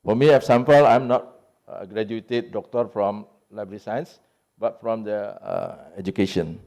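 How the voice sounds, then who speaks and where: A man with an Indonesian accent speaking English as a second language, giving an unscripted talk and often pausing to search for words. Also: lowish voice, dark tone. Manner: halting, searching for English words with many fillers; lists points one by one, stressing each.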